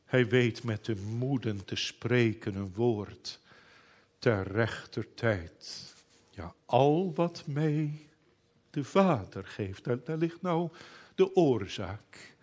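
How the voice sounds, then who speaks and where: A man's voice: medium pitch, lively intonation, takes it slowly, darkish tone. A man preaching a sermon in a solemn, old-fashioned biblical manner.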